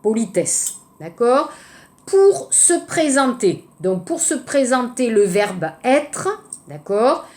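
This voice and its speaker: Woman teaching French slowly. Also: fairly high pitch, very animated, darkish tone. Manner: slow, repetitive, mixing French with Korean words; often tags phrases with "hein, d'accord?". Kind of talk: classroom lecture to Korean students.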